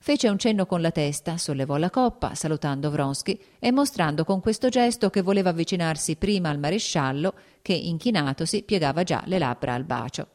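A woman reading a classic novel aloud as an audiobook narrator, in a steady, even storytelling manner. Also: low-pitched, a little fast, few pauses. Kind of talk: scripted literary narration.

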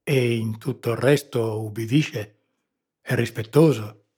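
Kindly, impulsive sea captain, husky voice, read by a man as audiobook figure. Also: medium pitch, measured pace, a little mellow. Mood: puzzled. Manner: earnest and impulsive. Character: simple, good-natured visiting sea captain.

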